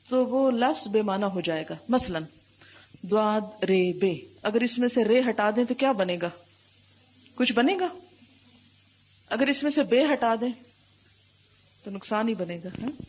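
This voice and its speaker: A woman Islamic scholar giving an Arabic grammar lesson, quizzing her students often and drawing out letters and examples slowly. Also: on the high side, a little mellow, slightly rough, highs cut off. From Pakistan. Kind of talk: classroom lecture with questions to students.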